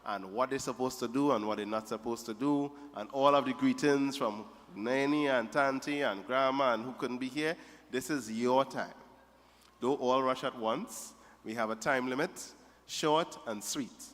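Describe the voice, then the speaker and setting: Speaking at a normal pace in a mid-range, fairly bright voice, this master of ceremonies works the room table by table, teasing wedding guests in good fun. The large reception hall gives the recording a reverberant sound.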